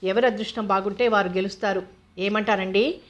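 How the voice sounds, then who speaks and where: A woman's voice: medium pitch, steady tone, a little fast, dull audio, close to an everyday voice. A woman reading as a sly scheming rival. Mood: smooth.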